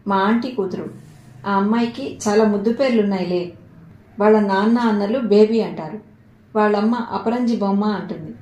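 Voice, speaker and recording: A woman's voice: medium pitch, mellow. A woman reading a novel aloud as an audiobook narrator, speaking every character's lines in her own voice. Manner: reads all the characters' dialogue in her own voice. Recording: roomy echo.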